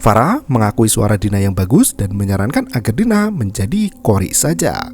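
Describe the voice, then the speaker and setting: A man narrating a film recap in a dark, mellow voice that swings widely in pitch. His delivery is scripted and dramatic, and faint background noise sits under the voice.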